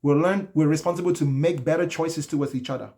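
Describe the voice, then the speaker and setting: A man hosting a live call-in talk show, brash and animated, laughing often as he riffs on callers. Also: fairly high pitch, fast. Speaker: host. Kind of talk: casual live call-in chat.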